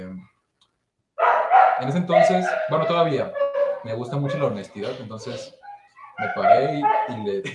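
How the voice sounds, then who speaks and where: A young man with a Mexican accent, chatting casually and telling an anecdote, acting out the voices of the people in it. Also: medium pitch. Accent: Mexican Spanish. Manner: storytelling, acts out voices in his anecdote. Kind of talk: casual chat. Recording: roomy echo, faint noise.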